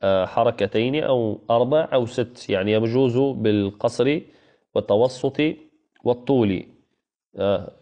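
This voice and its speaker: Man, mid-pitched voice, patient Quran teacher, repeats phrases, slow chanted verses, dull lo-fi sound. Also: warm tone. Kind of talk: online tajweed lesson.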